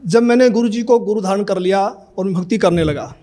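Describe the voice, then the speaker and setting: High-voiced man in his fifties. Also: a little fast, dark tone. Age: 50s. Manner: earnest storytelling, acts out remembered dialogue. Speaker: devotee giving testimony. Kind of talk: personal testimony in an interview.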